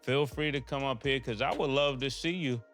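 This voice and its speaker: A man with a mid-range voice talks as a panel show co-host. He is diplomatic and measured, choosing his phrases as he goes, over faint music. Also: mid-range voice, a bit bright. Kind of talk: conversational panel talk.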